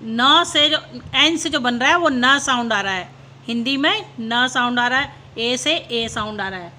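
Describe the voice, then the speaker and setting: A woman teacher, slowly spelling out letters and sounding them one by one in a phonics lesson for young learners. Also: fairly high pitch, lively intonation, sharp tone, a little hiss or hum.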